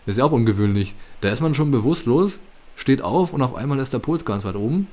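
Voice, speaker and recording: A man's voice: medium pitch, expressive, fairly quick, a little mellow. A man giving casual, joking commentary while playing a video game. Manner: joking, chatty asides. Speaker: let's play host.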